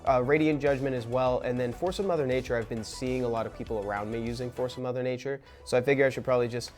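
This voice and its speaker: Young man, game stream host, excitable casual chat, mid pitch, faint music behind. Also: quick pace. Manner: upbeat, excitable, talks with mouth full. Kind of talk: casual live-stream chat while eating.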